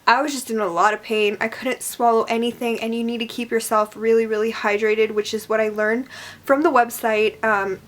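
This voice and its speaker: A woman's voice: on the high side, steady tone, normal speed. A young woman tells a personal story in a casual, rambling vlog style, often trailing off as she goes. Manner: rambling, conversational, trailing off with "or whatever". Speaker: vlogger.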